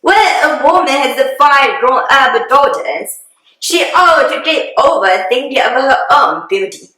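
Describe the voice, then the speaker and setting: Lady acting a fussy middle-aged wife, super hammy and theatrical, bright sharp voice, really echoey room. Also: high voice, expressive, unhurried, heavily acted. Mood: insistent, fussy. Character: fussy, excitable middle-aged wife and mother, self-pitying. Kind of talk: dramatic reading of a classic novel.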